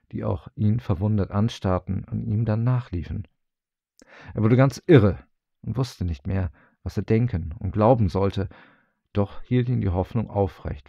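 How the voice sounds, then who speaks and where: A man reading fairy tales aloud in an expressive storybook style that rises with the drama. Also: low voice, gravelly, no echo, dull audio. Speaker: audiobook reader.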